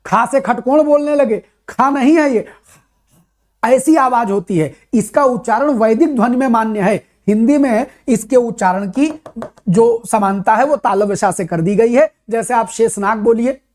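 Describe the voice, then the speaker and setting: A man teaching a Hindi grammar lesson for exam students, chatty, calling his students brother and slowly repeating sounds to demonstrate them. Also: very high voice, a little mellow. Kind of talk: classroom lesson for competitive exams.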